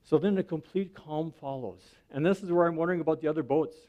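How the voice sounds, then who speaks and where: A pastor delivers a sermon in a conversational style, often checking in with the listener by asking "right?". His voice is a little high and fast, and the sound is lo-fi.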